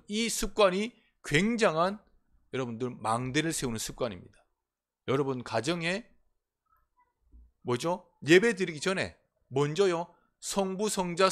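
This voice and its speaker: A Korean pastor delivers a sermon in a church sanctuary, moving back and forth between emphatic proclamations and quiet, intimate asides. His voice sits a little high.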